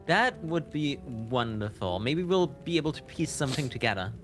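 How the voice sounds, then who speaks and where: A man chatting over a co-op puzzle game, his voice a bit higher than most men's. He answers in short, calm replies, and clear music plays behind his words. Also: moderate pace. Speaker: co-op game partner. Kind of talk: casual gaming chat.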